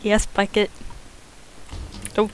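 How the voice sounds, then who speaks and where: A woman's voice: takes it slowly, slight background noise, poor audio. A woman game streamer chatting casually with viewers as she plays. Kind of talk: casual chat with viewers while playing.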